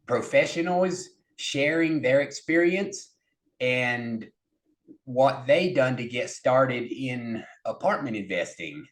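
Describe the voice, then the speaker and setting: Slow halting guy hosting a podcast, echoey room. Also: medium pitch. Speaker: podcast host. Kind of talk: scripted show intro and questions.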